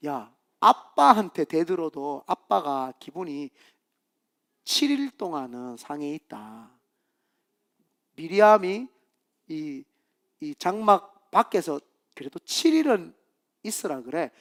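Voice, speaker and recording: A man, voicing God as a stern father figure in a sermon story, low and slow. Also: big pitch swings, fairly bright tone, full character voice.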